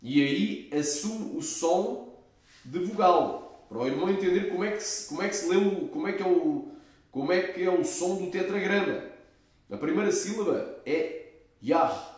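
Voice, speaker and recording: A man's voice: high-pitched, moderate pace, a little mellow. A man, a preacher teaching and commenting on a video, who repeats himself, asks tag questions and adds pious exclamations. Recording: echoey, distant from the mic.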